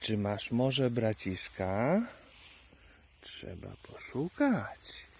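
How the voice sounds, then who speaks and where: Male forager-vlogger outdoors in woods; unhurried gravelly voice, chats fondly to mushrooms, occasional hushed asides. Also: mid-range voice, very animated. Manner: playful, talks fondly to mushrooms like pets; drops to hushed murmurs now and then. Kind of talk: casual narration while foraging. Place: forest, outdoors.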